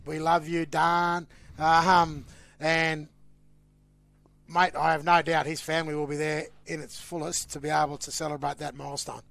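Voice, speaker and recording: Aussie bloke on a sports podcast, fairly high voice, dry close sound, hypes things up. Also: male voice, flat delivery, normal speed, creaky, a bit bright, no echo. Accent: Australian. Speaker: podcast host. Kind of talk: casual sports podcast chat.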